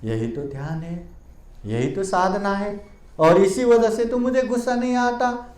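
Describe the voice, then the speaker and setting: A man playing a calm, patient Buddha who gently teaches meditation in a soft, low voice, in an echoey room. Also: measured pace. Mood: serene.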